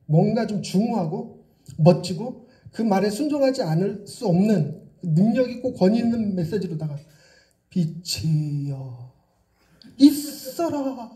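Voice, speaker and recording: A man's voice: high-pitched, expressive, normal speed, dark tone. A middle-aged male pastor giving a playful sermon in a church, teasing his congregation and acting out different tones of voice. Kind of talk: lively sermon with acted voices. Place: church sanctuary.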